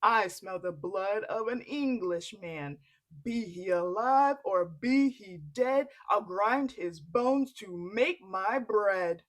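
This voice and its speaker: A woman voicing a huge, gruff, hungry male giant in a children's storybook. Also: mid-range voice, animated, slow. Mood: menacing.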